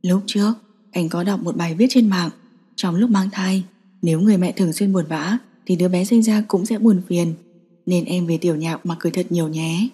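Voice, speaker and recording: A woman voicing a gentle young man who speaks low, evenly and softly. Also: fairly quick, breathy edge, in a large hall. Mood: tender. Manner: low, even, soft-spoken.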